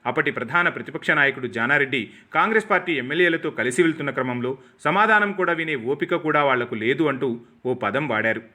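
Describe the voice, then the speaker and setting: A man reading scripted political news commentary in short, formal, measured sentences. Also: mid-range voice, expressive, sharp tone. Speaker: news narrator.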